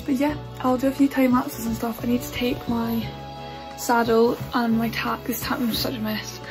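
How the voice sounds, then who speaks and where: A woman's voice: on the high side, level tone, normal speed. A young woman chatting casually to the camera as she preps her pony and sets up jumps, often apologizing. Her voice is picked up by a camera at the yard and arena, sometimes from a distance. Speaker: horse-riding vlogger. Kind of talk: casual vlog chat. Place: stable yard and outdoor riding arena. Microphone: camera on a tripod, sometimes far off. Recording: clear background music over the voice.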